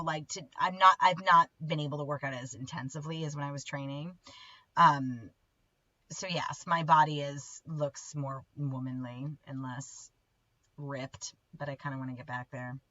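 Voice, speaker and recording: A woman co-hosting a casual podcast chat, an animated storyteller who acts out quoted lines and laughs often. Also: lowish voice, no echo, highs cut off. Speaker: podcast co-host.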